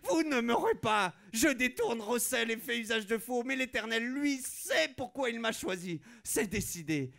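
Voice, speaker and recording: Man doing a shrill woman zealot, German accent, high squeaky voice, pious ranting. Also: big pitch swings, normal speed, gravelly, few pauses, a bit bright, full character voice. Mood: ecstatic ranting. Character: fanatical shrill woman politician.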